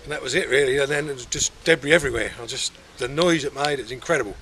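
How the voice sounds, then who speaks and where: A man's voice: mid-range voice, racing, fairly bright tone. A male farmer, giving a plain-spoken, rambling and matter-of-fact eyewitness interview. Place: outdoors in a farmyard. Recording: outdoor background noise, vehicle sounds.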